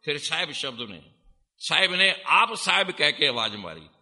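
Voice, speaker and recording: A man's voice: very animated, moderate pace. Preaching man in a reverberant hall. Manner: rises to loud, high exhortation; leads call-and-response. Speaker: Sikh preacher. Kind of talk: sermon with sung verses.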